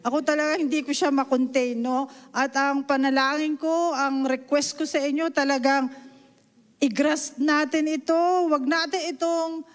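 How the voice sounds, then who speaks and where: A woman's voice: high-pitched, fairly even intonation, normal speed. A middle-aged woman from the Philippines preaching a sermon, earnest and emotional, mixing Tagalog and English and often asking "no?". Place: church hall. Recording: long church hall reverb.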